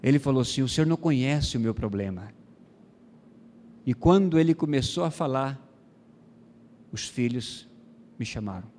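A man from Brazil, a missionary pastor, telling a testimony in a sermon, acting out the dialogue with many pauses and fillers. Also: mid-range voice, animated, darkish tone, big-room sound, a little hiss or hum.

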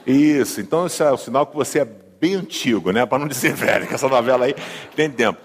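A man's voice: mid-range voice, lively intonation, fast, slight background noise. A male pastor with a Brazilian accent preaching a sermon in a humorous, conversational way, often asking the congregation questions. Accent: Brazilian Portuguese. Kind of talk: sermon with storytelling. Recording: long hall reverb.

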